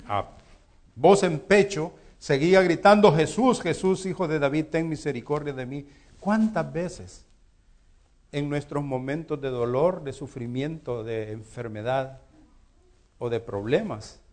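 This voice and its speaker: Male preacher, earnest sermon delivery, slightly high pitch. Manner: earnest preaching with rhetorical questions and swings in loudness.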